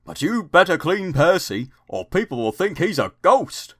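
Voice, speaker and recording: A man playing a brisk railway signalman. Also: a little high, very animated, a bit bright, no room sound, studio quality, voice pushed up. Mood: teasing.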